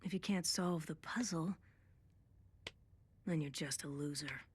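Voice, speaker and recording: A woman voicing a cold, cerebral young male detective prodigy in an anime dub, detached and measured. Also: sits low, a little hiss or hum. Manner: detached, measured, matter-of-fact.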